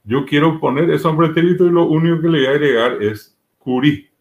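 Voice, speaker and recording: A man's voice: a little high, fairly quick. A man with a Paraguayan Spanish accent, a language teacher explaining grammar step by step with spoken examples in an interview.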